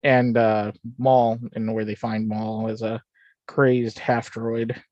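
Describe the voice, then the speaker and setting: A man's voice: on the low side, little pitch movement, slow, darkish tone, dry recording, dull audio. A man co-hosting a casual watch-along livestream, explaining lore with plenty of fillers and restarts. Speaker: podcast co-host.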